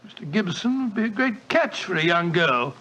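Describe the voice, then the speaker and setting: An actor playing a genial, slightly muddled older English doctor and loyal companion in 1940s radio style. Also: male voice, high-pitched, big pitch swings, normal speed, pushed and bright, heavily acted. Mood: earnest, bustling. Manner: bluff, chummy, slightly muddled. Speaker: supporting actor in radio detective drama.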